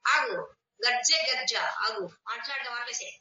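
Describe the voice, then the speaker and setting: A woman's voice: fairly high pitch, moderate pace, sharp tone. A woman acting out a wrathful goddess who scolds a roaring demon, commanding and scornful, repeating her orders. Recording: roomy, distant, dull online class audio.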